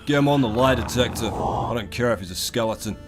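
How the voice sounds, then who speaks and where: A British man hosts comedic game commentary in a medium-pitched voice. His delivery is irreverent and theatrical, full of colloquial swearing and mock-grand flourishes. Music plays faintly behind him. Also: fast talker. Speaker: gaming video host. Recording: voice over a music bed.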